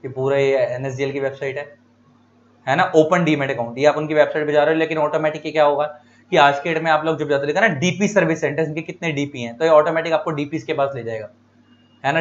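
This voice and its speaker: Fast-talking man teaching. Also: fairly high pitch, fairly even intonation, dull audio. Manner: asks questions and answers them himself, repeats key terms. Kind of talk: exam-prep lecture with questions to students.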